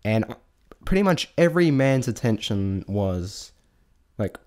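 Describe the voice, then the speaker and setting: A man's voice: on the low side, sing-song, measured pace, a little mellow. A man giving an unscripted spoken review in a rambling, hesitant way, often stammering and breaking off mid-thought. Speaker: amateur reviewer sharing opinions.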